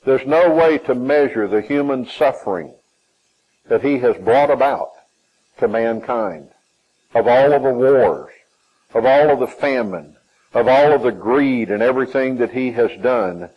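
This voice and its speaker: A man with a Southern US accent delivers a sermon emphatically and without hurry, his pitch rising and falling as he stretches out certain phrases. The recording has a lo-fi quality.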